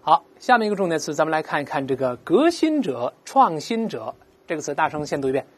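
Her voice is low and husky, with big swings in pitch. She's an English teacher going through vocabulary, patiently explaining terms, slowly modeling how to say them for repetition, and frequently checking with "right?"

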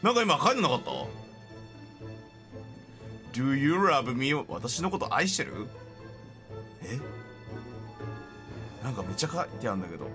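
A man giving excitable, jokey gameplay commentary as a streamer. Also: mid-range voice, fairly quick, long pauses, over music. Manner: excitable, laughing, jokey reactions. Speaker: game streamer.

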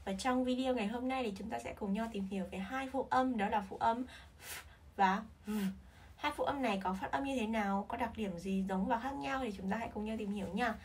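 A Vietnamese woman teaching English pronunciation, modelling words again and again with drawn-out, careful repetition. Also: a little high, husky, recorded from a distance. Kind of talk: pronunciation lesson, repeating words slowly.

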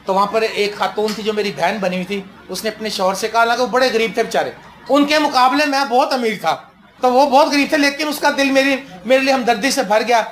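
A man's voice: extremely high pitch, a bit bright, a little hiss or hum. A male pastor delivering a fervent sermon, swinging between stern warnings and joking stories.

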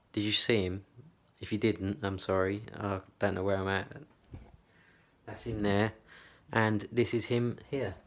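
A man chatting to camera from his small bedroom, rambling and repeating himself with lots of fillers. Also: lowish voice. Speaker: vlogger. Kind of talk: casual chat to camera. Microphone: camera on a tripod.

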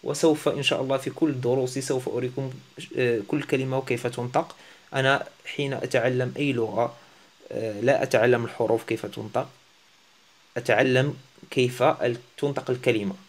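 A man who is not a native Arabic speaker teaching a French lesson, often pausing and searching for words. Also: mid-range voice, fairly even intonation. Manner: halting, searching for words, self-deprecating. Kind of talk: casual language lesson.

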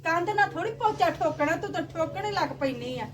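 A woman's voice: very high-pitched, lively intonation, fairly quick. A woman playing a fussing, exasperated mother in a family comedy skit, scolding her daughter about chores. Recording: distant mic with loud background noise.

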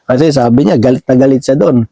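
A man preaching in a casual, conversational way, often ending his phrases with a questioning "no?" and reading verses slowly. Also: medium pitch, gravelly, dark tone, no echo, rough recording. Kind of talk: Bible teaching, casual sermon.

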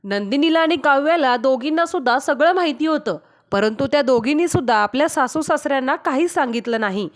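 A woman's voice: high-pitched, expressive, brisk. A woman reading the lines of a scheming woman who accuses her relatives. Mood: accusing. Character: scheming scolding woman of the family.

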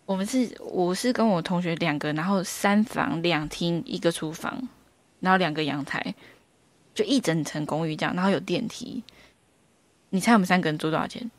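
A woman's voice: on the low side, moderate pace, dry recording. Woman, short reactions, dry close recording. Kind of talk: casual chat.

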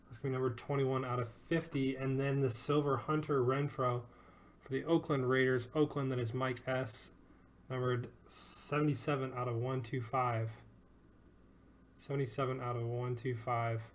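A man's voice: mid-range voice, flat delivery, normal speed, a little hiss or hum. Upbeat man calling a card break. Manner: upbeat, joking, calls out card names and numbers. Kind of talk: live card break commentary.

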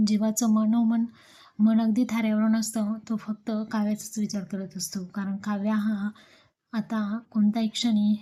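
A woman retelling a TV serial episode, reading out the characters' lines in a steady recap delivery. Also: medium pitch.

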